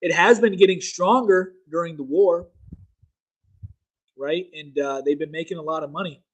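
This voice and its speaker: A man's voice: fairly high pitch, moderate pace, low-quality recording. A young man hosting a casual solo political talk show, rambling, repeating himself and using many fillers. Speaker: show host.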